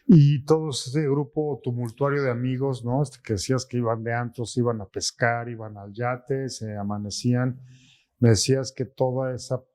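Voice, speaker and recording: A man hosts a sit-down interview in a warm, mellow voice. He asks long, winding questions and often ends them with a quick tag question. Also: medium pitch. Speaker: interview host. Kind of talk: conversational interview.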